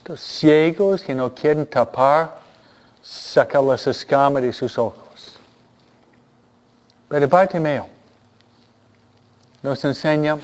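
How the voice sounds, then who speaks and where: A man preaching a sermon, animated and repeating phrases for emphasis. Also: fairly high pitch, dull audio.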